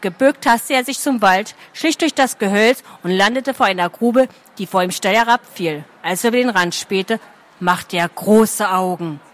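A woman reading a fantasy story aloud at a steady, expressive pace. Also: medium pitch, moderate pace. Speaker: narrator.

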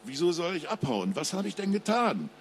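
Guy putting on a panicky young man yelling into the phone, gravelly, voice jumping up. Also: mid-range voice, huge pitch swings, measured pace, a little hiss or hum, exaggerated voice. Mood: panicked. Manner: agitated, rising, shouting questions.

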